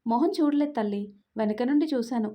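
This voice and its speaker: A woman voicing a kind old village woman who speaks gently and motherly, in a storybook reading. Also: a little high, a little fast, close to an everyday voice.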